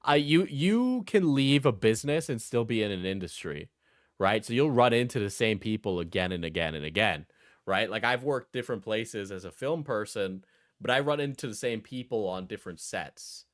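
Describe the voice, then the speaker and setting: This commentator speaks at a normal speed in a lowish voice with lively intonation, mocking and blunt as he gives casual opinions on an interview. He swears freely and keeps tacking on "right?" to his points, in a dry, studio-quality recording.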